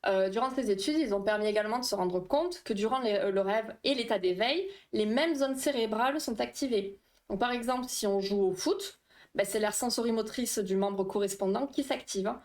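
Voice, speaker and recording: A woman's voice: mid-range voice, moderate pace. A woman hosting a casual livestream, explaining dream science with a quiz, chatty and laughing often while reading chat aloud. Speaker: livestream host.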